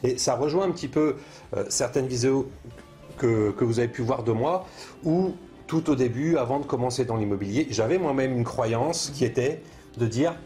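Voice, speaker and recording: A man's voice: medium pitch, normal speed, mellow, soft background music. A man hosting a video interview, speaking conversationally with hesitant, circling phrasing as he introduces and sums up ideas. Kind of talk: conversational interview, summing up guest's points.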